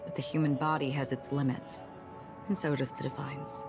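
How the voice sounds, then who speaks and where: A detached, forgetful young swordswoman in a game cutscene, her low voice soft and measured. A musical score plays under her lines. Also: flat delivery, vocal fry, loud music behind the voice. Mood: calm, detached. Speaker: game character voice.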